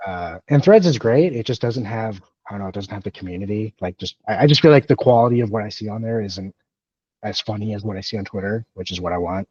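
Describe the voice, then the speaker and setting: This podcast co-host, a man in his early thirties, talks fast in a lowish, darkish, slightly rough voice. He rambles casually and pokes fun at himself, often using fillers and starting over. The sound is lo-fi, with no echo.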